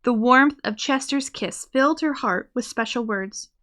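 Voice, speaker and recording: High-voiced woman reading a children's storybook. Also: unhurried, a bit bright. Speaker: host and read-aloud narrator of a children's book channel.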